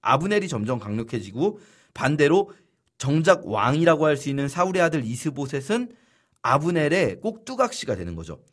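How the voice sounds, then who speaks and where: Lively Korean man teaching a Bible lesson. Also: fairly high pitch, moderate pace. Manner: lively storytelling, acting out quoted lines. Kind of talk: Bible study lesson for radio.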